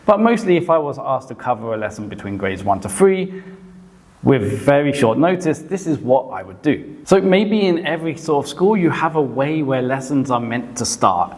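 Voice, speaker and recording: A man who teaches English, casually explaining teaching tips in a relaxed, conversational way with frequent hedges. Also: mid-range voice, moderate pace. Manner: relaxed and conversational, often hedging. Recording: long reverb, hall-like echo.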